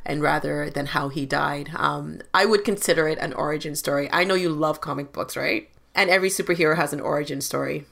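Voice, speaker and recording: A woman co-hosting a podcast in casual chat, talkative and quick to laugh. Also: low voice, creaky, fairly bright tone. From Canada. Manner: chatty, laughs often. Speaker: podcast co-host.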